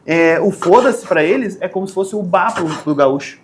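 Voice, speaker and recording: Southern Brazilian man, podcast guest; animated raconteur with a somewhat high voice, faint background noise. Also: moderate pace. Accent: Brazilian Portuguese, southern Brazil. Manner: animated storyteller, acts out quotes. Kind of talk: casual podcast interview.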